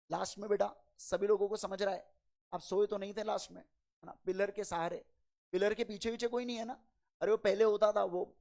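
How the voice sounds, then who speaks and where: A man lecturing an accounting class, firing quick questions at his students and addressing them in a fatherly way. He is a little unwell and talks slower than usual. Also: high voice, creaky, a little mellow. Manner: quizzes the class with quick call-and-response questions; fatherly, calls students "beta". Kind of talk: classroom lecture in Hindi and English.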